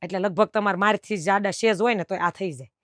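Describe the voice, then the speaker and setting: A woman's voice: medium pitch, brisk, a bit bright, no echo, clean studio sound. A middle-aged woman who runs a dress fabric shop, chatting at length to camera about fabric cuts and quoting her customers. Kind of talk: casual talk to camera explaining fabric cuts.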